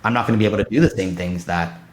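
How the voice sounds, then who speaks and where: Man, thirties, podcast guest, quick casual talk, lowish voice, lots of fillers. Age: 30s. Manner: fast, loose, filler-heavy talk with many restarts. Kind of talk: casual conversation.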